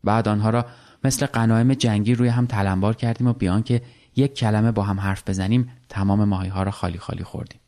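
Man, lowish voice, calm measured storytelling, literary reading.

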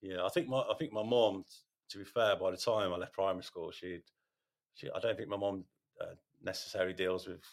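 Deep-voiced man, halting and candid. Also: fairly even intonation. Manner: halting, self-correcting, frequent ums and repeated words. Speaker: podcast host, sharing his recovery story. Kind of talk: candid interview conversation.

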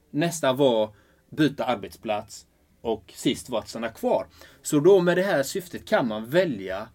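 A man speaking earnestly and enthusiastically as a life purpose coach in a relaxed conversation, often restarting his sentences. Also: mid-range voice. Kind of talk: casual conversation.

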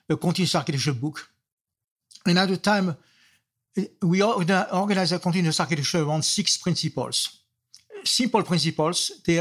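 Older man, French accent, slightly high voice, methodical podcast guest. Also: fairly bright tone. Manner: explanatory, enumerates points with frequent restarts. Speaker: guest, software architect. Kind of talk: interview answers.

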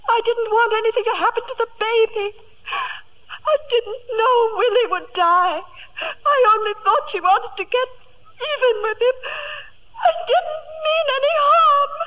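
A woman playing an anguished, pleading gentlewoman in melodramatic 1940s radio acting. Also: extremely high pitch, normal speed, muffled recording. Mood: distraught. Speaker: radio actress.

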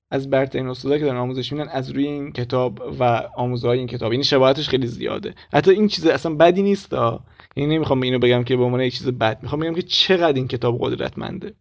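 A man's voice: mid-range voice, a little mellow, lo-fi sound. A man with an Iranian Persian accent telling personal stories in a casual, conversational monologue. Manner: informal, colloquial, conversational. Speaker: spiritual self-help content creator.

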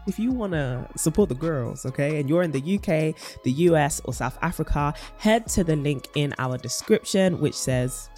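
A woman's voice: sits low, animated, moderate pace, hardly any pauses, warm tone, faint music behind. A woman co-hosting a podcast in casual chat, upbeat and emphatic, sniffling with a cold. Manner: upbeat, chatty, emphatic announcements. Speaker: podcast co-host.

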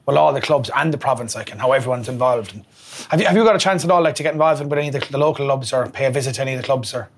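Irish guy hosting rugby chat, talks really fast, gravelly fry, rambles on keenly. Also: medium pitch. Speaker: rugby show host. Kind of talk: casual sports chat.

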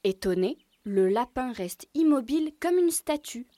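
A woman telling a children's tale in a lively, expressive way. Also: high-pitched, unhurried, dry recording. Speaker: storyteller. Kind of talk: scripted narration for children. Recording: narration over music.

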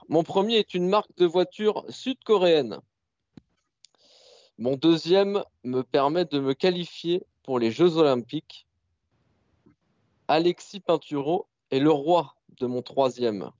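Man, quiz master, playful, slightly high voice, dry close sound. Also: animated, a little slow, darkish tone, no room sound. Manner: playful, announcing. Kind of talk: reading quiz riddles.

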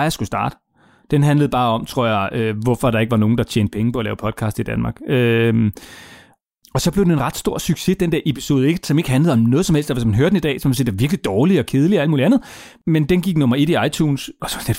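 A middle-aged man spinning a long, loose anecdote in a relaxed chat, voice in an ordinary middle register. He talks freely, with casual swearing, and slips into acting out what others said. The sound is close and dry, with no room in it. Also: medium pitch, no room sound. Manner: chatty, swears casually, acts out quoted dialogue. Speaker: podcast guest telling his founder story.

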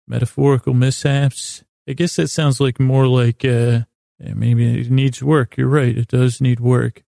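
In a close, dry recording, a man with a medium-pitched, gravelly, very creaky voice rambles through a monologue for his sleep podcast. His melody stays flat and narrow. He keeps stopping, circling back, losing track of his point, and making self-deprecating remarks.

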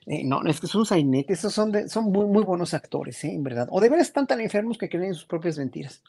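A man with a Mexican accent, a regular panelist getting over a flu, giving animated, indignant political commentary full of restarts. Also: high-pitched, fast, vocal fry, husky. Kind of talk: political commentary on a talk show.

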